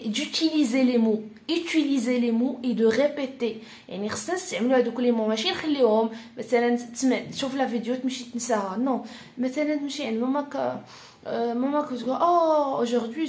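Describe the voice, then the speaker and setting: A woman teacher with a Moroccan accent, her voice set a little high. She says key phrases slowly and more than once, and keeps checking that her pupils follow. The recording has the echo of a roomy space. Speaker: French teacher. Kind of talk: classroom-style language lesson.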